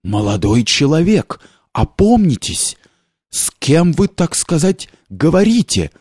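A man voicing a pompous older general who shouts in a shrill, outraged way. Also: expressive, takes it slowly, no room sound, studio quality.

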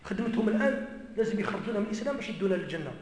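A man with an Algerian Arabic accent, a native Amazigh speaker, gives an emphatic lecture in a large mosque, speaking fast in a very high voice. His words ring out through the echoey hall with a long reverb. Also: expressive, a little mellow, slight background noise. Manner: emphatic, repeats key phrases.

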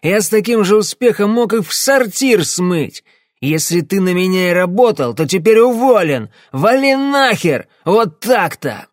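A man voicing a drunk, belligerent middle-aged man who whines and shouts into a phone. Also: a little high, expressive, a little slow, no room sound, clean studio sound, voice pushed up. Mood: enraged. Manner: shouting, slurring, whining.

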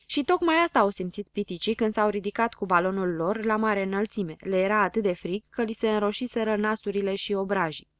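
A woman narrating a children's audiobook with a clear, expressive reading on a close microphone. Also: medium pitch, few pauses, no echo. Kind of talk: storybook narration.

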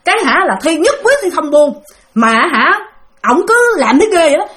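A woman's voice: high-pitched, big pitch swings, a little fast, a bit bright. A woman casually telling a spooky first-person story, referring to herself in the third person and speaking directly to her listeners.

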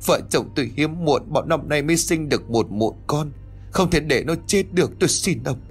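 A man voicing a frantic middle-aged village mother who stammers and pleads in a shrill voice. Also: moderate pace, slightly rough, faint music behind. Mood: begging.

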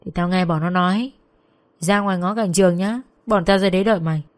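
A woman's voice: lowish voice, a little fast, lightly acted. A woman voicing a jealous young woman who screams vicious insults in a brawl, in a narrated audio story. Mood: taunting.

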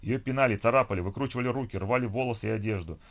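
A man reading an audiobook in an even, measured narration. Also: medium pitch. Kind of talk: scripted narration.

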